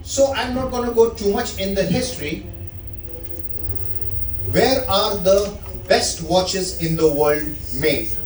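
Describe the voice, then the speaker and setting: With soft music behind him, a middle-aged watch expert from India addresses a live event audience slowly in a high voice. His Indian-accented English isn't his mother tongue, and he chats easily, putting questions to those listening. The room echoes, and he's distant from the microphone.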